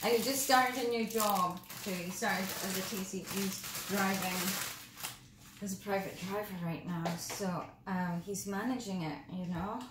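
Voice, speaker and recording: A woman's voice: mid-range voice, a little slow. A woman chatting casually in a cooking vlog in her home kitchen, rambling through asides and talking carefully because of mouth pain. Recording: echoey kitchen with background noise.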